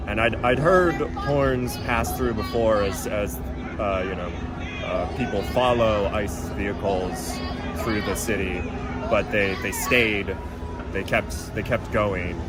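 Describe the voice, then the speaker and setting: A young man being interviewed outdoors as an eyewitness, recounting what he saw in a halting, measured way with careful detail. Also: on the low side. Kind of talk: street interview, eyewitness account. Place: outdoors on a city street. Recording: outdoor street with loud traffic noise. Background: loud street and vehicle noise.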